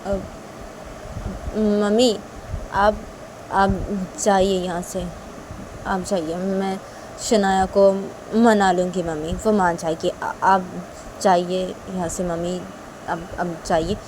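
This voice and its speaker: Woman doing a high, pleading young woman, repeats herself, noisy room. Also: steady tone, slow, pauses often.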